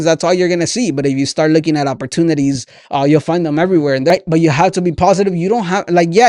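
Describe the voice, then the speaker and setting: Sharing lessons straight to his audience, this twenty-something entrepreneur hosting a motivational podcast sounds earnest and chatty, frequently adding "right?". His voice sits high but has a darkish tone.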